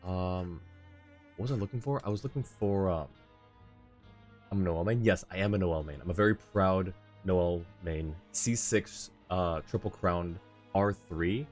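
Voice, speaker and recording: A man's voice sits low and a little mellow as he streams a game live from an indoor setup at a moderate pace. Casually thinking aloud, he reads through the screen and chat while faint game music plays.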